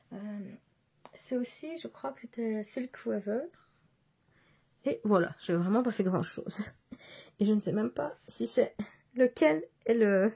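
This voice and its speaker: A woman's voice: mid-range voice, gravelly, warm tone, slightly rough. A woman chatting through a casual show-and-tell vlog, hesitant and often restarting her words. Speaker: cross-stitch vlogger.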